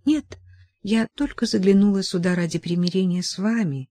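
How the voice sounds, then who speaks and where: A woman reading the lines of a gentle, sorrowful young noblewoman in an audiobook, softly and tenderly. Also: medium pitch, moderate pace, lightly acted. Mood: gentle, sad.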